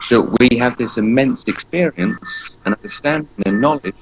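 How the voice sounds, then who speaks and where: In a casual spoken interview, an English energy painter in his forties talks earnestly but rambles, full of fillers and restarts. His voice is medium-pitched at a moderate pace, with noise in the background.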